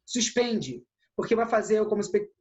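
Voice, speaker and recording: A woman's voice: mid-range voice, lively intonation, a little slow, a little mellow. A woman with a Brazilian Portuguese accent teaching an acting class, explaining and acting out how to deliver lines. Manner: demonstrative, acts out delivery.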